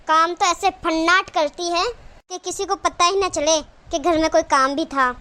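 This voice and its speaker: A woman's voice: very high-pitched, bright, forceful tone. A woman voicing a nagging cartoon mother-in-law. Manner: nagging, taunting. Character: scolding middle-aged village mother-in-law. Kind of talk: cartoon voice acting.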